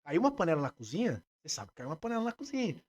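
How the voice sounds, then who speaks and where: A man with a Brazilian Portuguese accent, a music therapist being interviewed, explaining his work in a lively way and breaking into short sung examples. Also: a little high, racing. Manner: animated, demonstrates by singing snippets.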